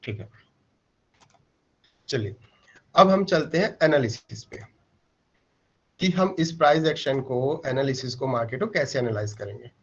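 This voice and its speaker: A man teaching an online trading class, explaining step by step with rhetorical questions and asking if it is clear. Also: mid-range voice, expressive, measured pace, pauses often, dull audio. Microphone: mic placed close.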